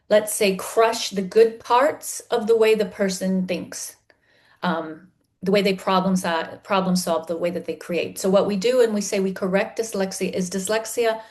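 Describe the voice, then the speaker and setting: A middle-aged woman, a dyslexia facilitator, explains her method on a video call, pausing often with ums and restarts. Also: medium pitch, darkish tone. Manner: hesitant, many ums and restarts.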